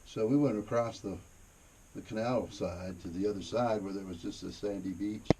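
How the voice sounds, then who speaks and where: A man's voice: lowish voice, fairly even intonation, normal speed. A man casually telling rambling, profane anecdotes in a laid-back way, recorded inside a cave. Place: inside a cave during a tour. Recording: noisy cave ambience. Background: cave ambience, noise.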